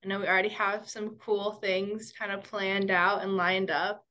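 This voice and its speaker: Young woman from indiana, new cohost, bright voice, relaxed chat with ums. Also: medium pitch, normal speed. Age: young adult. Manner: easygoing, with "um" and "kinda" fillers. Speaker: new podcast co-host. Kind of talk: casual chat.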